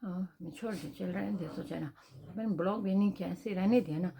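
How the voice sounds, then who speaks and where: A woman's voice: lowish voice, fairly quick, vocal fry, a crowd in the background. A Tibetan woman with a Tibetan accent, telling a personal story in a chatty vlog, repeating phrases and tagging questions as she goes. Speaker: vlogger.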